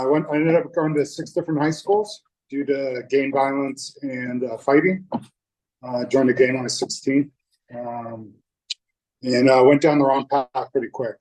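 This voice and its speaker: At a recovery meeting in a meeting room, a young man from North Dakota tells his personal story candidly and loosely, with lots of fillers and restarts. His voice is medium-pitched and a little mellow, and the audio quality is poor.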